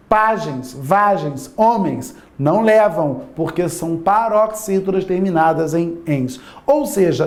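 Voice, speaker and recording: This Portuguese grammar lesson comes from a man with a high, a little mellow voice who constantly asks his audience rhetorical yes-or-no questions and stretches key words out for emphasis.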